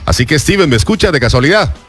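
A man hosting a radio interview, asking his questions in a formal, measured way. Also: a little high, expressive, fairly bright tone. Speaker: radio host.

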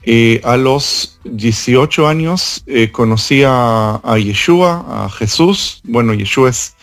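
A man from Israel, a tour guide, answering interview questions over an international phone call, speaking haltingly and pausing often. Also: medium pitch, no room sound, soft background music. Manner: halting, with frequent hesitation fillers.

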